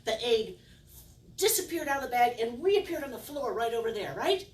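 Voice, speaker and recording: A woman's voice: fairly high pitch, big pitch swings, normal speed. A middle-aged woman performing as a kids' party magician, playful and theatrical with exaggerated wonder and mock confusion, talking to her audience. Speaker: children's magician and circus performer. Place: indoor room with a small curtained stage. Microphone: distant camera. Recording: roomy, distant camera sound with faint noise.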